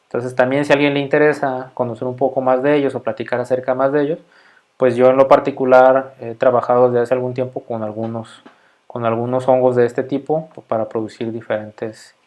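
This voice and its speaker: A man's voice: medium pitch, little pitch movement, fairly quick, darkish tone. A middle-aged Mexican man with a Mexican Spanish accent, giving a casual microbiology lecture full of fillers and frequent check-ins with his students.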